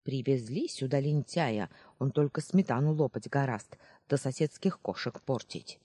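A reader voicing a kindly, grumbling old village woman with a hoarse voice in an audiobook. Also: medium pitch, normal speed, mellow, no echo, studio quality, lightly acted. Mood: scolding. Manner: good-natured grumbling, scolding. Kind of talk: audiobook character voice.

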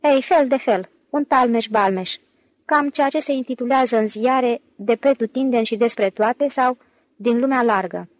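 Brief: confident, playful swindler in an audiobook, smooth and flattering, read by a woman. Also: a little high, no room sound, close to an everyday voice. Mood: breezy. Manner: breezy, ingratiating. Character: smooth-talking male con man, confident, playful. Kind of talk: audiobook character reading.

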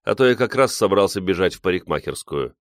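A man doing a wry, steady young man. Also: sits low, fast talker, no room sound. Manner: dry, wry.

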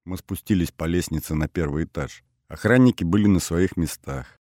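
Deep, dark-voiced male narrator. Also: normal speed, no room sound, studio quality. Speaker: audiobook narrator. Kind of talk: first-person audiobook narration.

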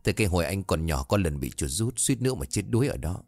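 A man's voice: low voice, very animated, fast, a little mellow, full character voice. A man voicing a stern, protective village father who scolds his son bluntly. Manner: firm, scolding.

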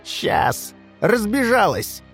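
Creaky old bathhouse witch lady, spiteful and snarly, high and drawn out, swoopy, as a guy puts her on. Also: big pitch swings, slow pace, faint music behind, full character voice. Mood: mocking. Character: filthy spiteful old female bathhouse hag spirit.

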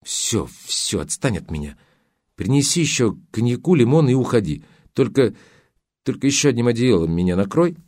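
A man reading an audiobook, voicing a spoiled, defiant young woman in a raised girlish pitch. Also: sing-song, normal speed, darkish tone, dry recording. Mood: petulant, defiant. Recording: dry close studio sound.

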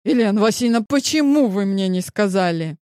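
A woman voicing a hot-tempered young male boss who speaks in slow, emphatic demands. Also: medium pitch, lively intonation, no echo, studio quality, lightly acted. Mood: agitated.

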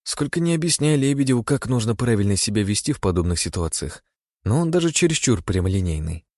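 Low-voiced man narrating a story. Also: big pitch swings, fast, darkish tone, no echo. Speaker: audiobook narrator. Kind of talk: first-person story narration.

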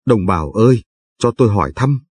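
A man's voice: lowish voice, animated, fairly quick, a little mellow, husky, no room sound. A man voicing a stern young army officer who speaks curtly and brusquely. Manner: curt, brusque.

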